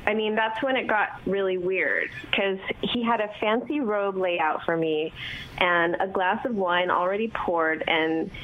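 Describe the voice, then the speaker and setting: A woman's voice: medium pitch, a little slow. A woman on a phone call to a radio show, chatting candidly and telling her story. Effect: heard over the phone. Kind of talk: casual chat. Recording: muffled phone line with faint hiss.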